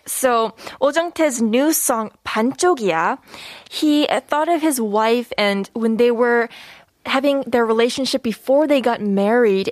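Higher-voiced woman, unhurried interviewer. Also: no room sound. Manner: switches between Korean and English, encouraging and agreeable. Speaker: interview host who also interprets into English. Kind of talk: casual bilingual celebrity interview.

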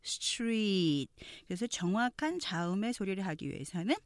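A Korean woman teaching English pronunciation, explaining phrases and modelling them slowly. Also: medium pitch, sing-song, no echo, studio quality. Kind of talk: language lesson narration.

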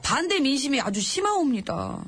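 A woman's voice: high-pitched, big pitch swings, moderate pace, a bit bright. Woman playing a flustered pleading court maid. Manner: polite, anxious, keeps pleading and protesting. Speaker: comedy show host. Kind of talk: comedy sketch acting.

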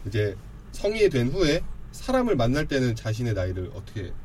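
A man co-hosting a casual talk show, throwing in quick remarks and laughing easily. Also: mid-range voice, very animated, a little mellow, slight background noise.

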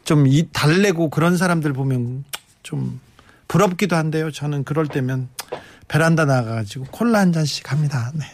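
A middle-aged man hosting a live radio show, chatting casually as he reads out listener messages, swinging between excited bursts and softer asides. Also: on the high side, moderate pace, slight background noise.

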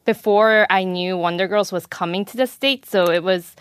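A young woman speaking as a guest in a casual podcast chat, relaxed and thoughtful. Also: mid-range voice, normal speed, clear, resonant tone, no room sound, clean studio sound.

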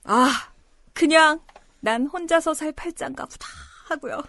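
A woman voice actor playing a shy female dorm supervisor in her thirties, speaking softly in an audio drama. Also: high-pitched, unhurried, no room sound. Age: 30s. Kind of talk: Korean audio drama acting.

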